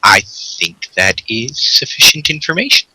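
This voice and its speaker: A man playing a tabletop game, asking slow, hesitant questions with many ums. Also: mid-range voice, big pitch swings, pushed and bright, husky, no echo, low-quality recording. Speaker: player.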